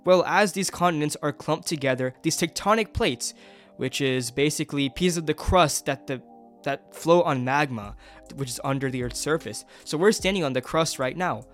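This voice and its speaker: Young guy talkin up mountain history on a hike, kinda high voice, faint music under it. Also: moderate pace, a bit bright. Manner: enthusiastic explainer. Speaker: travel vlogger. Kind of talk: educational hiking vlog. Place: on a mountain trail outdoors.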